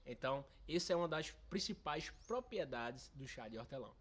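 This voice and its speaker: A man's voice: medium pitch, lively intonation, normal speed, husky. A man, a nutritionist guest explaining things with enthusiasm. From Brazil's Northeast, Pernambuco. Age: 20s. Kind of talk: interview answers.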